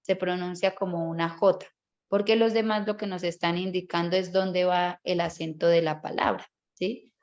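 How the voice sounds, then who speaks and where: A woman's voice: lowish voice, fairly even intonation, moderate pace, a little mellow, dull audio. A woman teaching a Bible course class, explaining step by step and often checking in with her students. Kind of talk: online class lecture.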